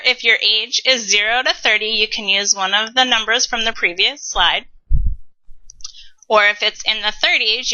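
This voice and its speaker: A woman in her thirties teaching a recorded Spanish lesson, modeling words slowly and carefully. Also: medium pitch, bright, forceful tone, lo-fi sound. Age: 30s.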